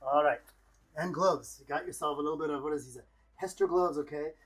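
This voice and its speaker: A man with a voice on the high side chats casually and fairly quickly to camera at home, getting dressed to demonstrate his cycling rain gear for his vlog. He jokes in short slangy bursts packed with exclamations and catchphrases, over slight background noise.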